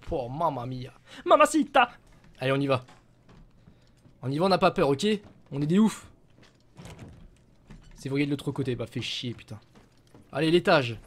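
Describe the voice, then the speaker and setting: A young man giving excitable let's play commentary, swearing a lot and shouting at enemies. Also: fairly high pitch. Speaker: gaming channel host.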